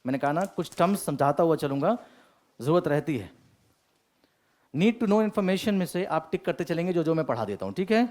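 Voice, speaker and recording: Guy teaching english to a class, mixes hindi and english, kinda high voice, keeps asking the room questions. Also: animated, moderate pace, a little mellow. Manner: asks the class rhetorical questions. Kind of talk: classroom lecture.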